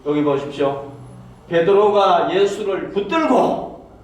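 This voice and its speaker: A man's voice: high-pitched, expressive, slow pace. A male pastor preaching a sermon, often putting rhetorical questions to the congregation and acting out quoted speech in a raised voice. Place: church hall. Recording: very echoey hall, mic far off.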